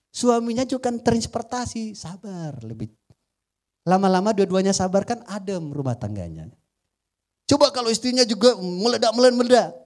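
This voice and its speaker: A male pastor with a Batak-tinged Indonesian accent preaching a sermon to a congregation, joking and swinging between loud emphasis and quiet asides. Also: high voice. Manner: often addresses the congregation as "saudara". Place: church before a congregation.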